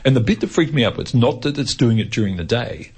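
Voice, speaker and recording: A man's voice: medium pitch, lively intonation, fast talker, a little mellow, breathy edge. Aussie guy, radio science host, curious and chatty, bit of husk in the voice. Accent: Australian. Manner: curious, informal, conversational. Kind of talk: casual live radio interview.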